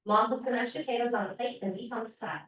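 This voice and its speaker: A woman author reading aloud from her own novel at a library event, expressive and with brief hesitations. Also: a little high, quick pace. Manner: expressive first-person reading, brief hesitations between parts. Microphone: podium microphone. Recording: very echoey room, voice far from mic.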